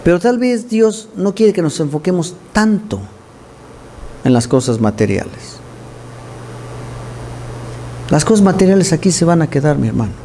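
A man preaching from the pulpit in a somewhat high but mellow, warm voice. He is earnest and direct with his congregation and slips in dry, wry asides. Faint noise sits behind him in the church. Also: lively intonation, normal speed. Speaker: pastor. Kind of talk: sermon.

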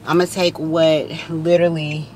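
Woman, 30s, rambling casual chat, dashboard camera mic, loud car road noise. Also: sits low, normal speed. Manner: chatty, rambling, relaxed complaining to viewers. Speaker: delivery driver vlogger. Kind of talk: casual chat while driving. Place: inside a car, driving.

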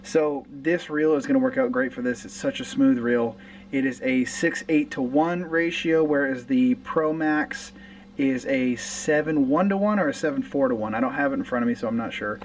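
A man's voice: medium pitch, moderate pace, recorded from a distance, a little hiss or hum, low-quality recording. A man in his thirties chatting casually to camera about fishing gear in his home garage late at night, with fillers and restarts. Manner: relaxed, rambling with fillers and restarts. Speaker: fishing vlogger. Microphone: camera close in front, handheld at times.

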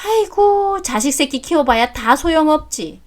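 A woman's voice: a little high, lively intonation, moderate pace, lightly acted. A woman voicing a brash, greedy older mother-in-law who talks bluntly and coarsely in a story drama. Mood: scolding. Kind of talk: story drama read aloud.

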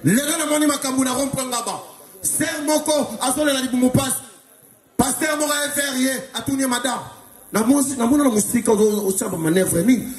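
A Congolese man doing live stand-up, telling animated stories and shouting out the punchlines. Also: very high-pitched, a little fast. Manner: animated, often shouting punchlines, mixing two languages. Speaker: stand-up comedian. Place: live stage in a hall. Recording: echoey live hall with music.

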